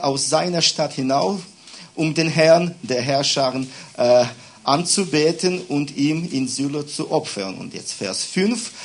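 A man preaching a sermon in German in short bursts for an interpreter, with many fillers, reading scripture aloud slowly. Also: a little high.

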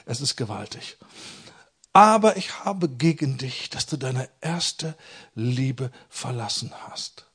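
A man preaching a sermon, swinging between loud emphatic peaks and quiet low passages, and acting out quoted voices. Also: husky. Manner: acts out quoted voices in dialogue.

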